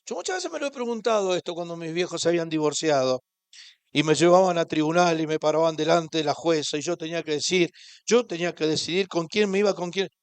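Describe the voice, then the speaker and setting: Man, Argentine Spanish accent, pastor's sermon, fervent, high voice, dry close sound. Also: fast talker, smooth, no room sound. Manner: impassioned, rising on rhetorical questions. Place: church.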